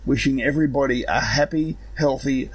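A man with a rough, gravelly voice, hoarse from illness, reading a scripted announcement as an organisation secretary. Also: medium pitch, brisk, a little hiss or hum, low-quality recording. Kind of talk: scripted news announcement read aloud.

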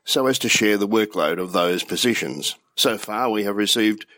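An older Australian man whose voice sounds nasal and blocked from a cold. His low voice comes across dry and close, with no room around it. He reads his report steadily. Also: moderate pace, a bit bright, no room sound. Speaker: radio club official giving a news report. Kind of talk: read news commentary.

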